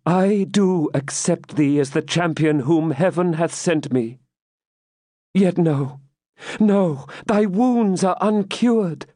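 A man's voice: a little high, slow, mellow, dry recording, studio quality, pitched above the performer's own voice. A man reading aloud and voicing a frightened young woman who pleads with her champion. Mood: pleading. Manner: fluttering, pleading.

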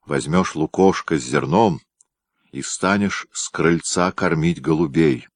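A man playing a brooding tsar, deep and slow. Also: gravelly, dry recording, studio quality, heavily acted. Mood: solemn. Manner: slow, solemn and gentle. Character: brooding older tsar, tender but troubled. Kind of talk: audiobook reading.

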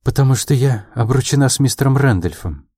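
A man voicing a proud, quick-tempered young woman in an audiobook, her lines pitched a little above his own and delivered in quick, emotional replies. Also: animated, warm tone, slightly rough, no room sound, clean studio sound. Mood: flustered.

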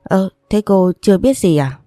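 A woman voicing an elderly, kind family nanny who is flustered and hurried. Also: mid-range voice, expressive, warm tone, dry recording, studio quality, lightly acted.

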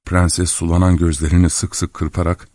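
Low-voiced guy reading a classic novel aloud, calm and measured, dry close mic. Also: no room sound. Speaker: audiobook narrator. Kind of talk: first-person literary narration.

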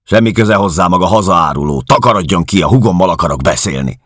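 Man voicing a hulking bully officer, loud, scornful, raspy edge. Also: low voice, very animated, no room sound, clean studio sound, voice pushed up, heavily acted. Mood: angry bullying. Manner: shouting, contemptuous.

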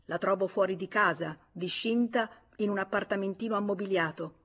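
A woman's voice: medium pitch, normal speed, fairly bright tone, lightly acted. A woman reading aloud, voicing a stern, formal male police commissioner in an audiobook. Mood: stern questioning. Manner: formal, authoritative, insistent.

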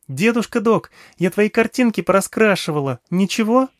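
A man voicing a chatty, excitable little girl who fires off eager questions in an audiobook. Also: high-pitched, moderate pace, dry recording, clean studio sound, voice pushed up. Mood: chirpy.

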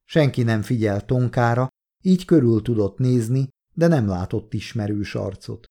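A man reading an audiobook in calm, measured narration. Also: mid-range voice. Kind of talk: scripted narration.

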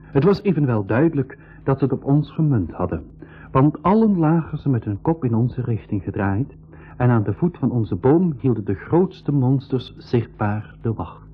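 A man with a Flemish accent giving slow, measured first-person narration in a 1980s radio play. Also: medium pitch, sing-song, slightly rough. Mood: calm. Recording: tinny lo-fi 1980s radio recording.

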